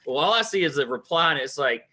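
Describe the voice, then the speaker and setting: A man co-hosting a casual golf betting podcast, telling stories in an animated way. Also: a little high, quick pace. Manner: animated storytelling, drawls "y'all". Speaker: podcast co-host.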